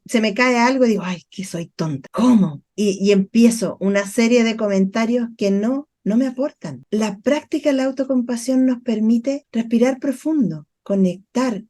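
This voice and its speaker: A woman's voice: fairly high pitch, darkish tone. A woman speaking as an invited teacher, explaining ideas and acting out short quoted lines as examples. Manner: acts out little quoted voices while explaining. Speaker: guest teacher. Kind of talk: explanatory talk.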